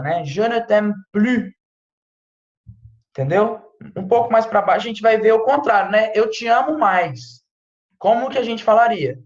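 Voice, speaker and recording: A man's voice: high-pitched, echoey room, lo-fi sound. A man, teaching an informal online French lesson in a chatty way, often checking in with "tá?" and "né?". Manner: chatty, peppers speech with "tá?" and "né?". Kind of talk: casual online language lesson.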